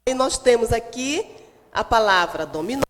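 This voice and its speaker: Lively high-voiced Brazilian woman teacher. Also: moderate pace, in a large hall, slight background noise. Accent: Brazilian Portuguese. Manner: emphatic, stretches out stressed syllables, quizzes absent pupils. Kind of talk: recorded online lesson for sixth graders.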